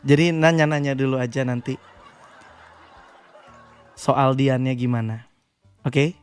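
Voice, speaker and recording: A young man hosts a live radio matchmaking call-in, teasing and joking with callers and bursting into hype for announcements. He speaks slowly and smoothly in a steady mid-range voice, with faint music behind him.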